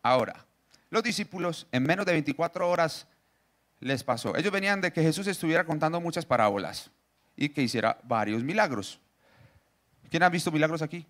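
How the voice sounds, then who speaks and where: A man preaching a sermon, reading scripture and joking with the congregation through quick questions. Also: on the high side, lively intonation, a bit bright. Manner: jokey, asks the audience questions, reads scripture aloud.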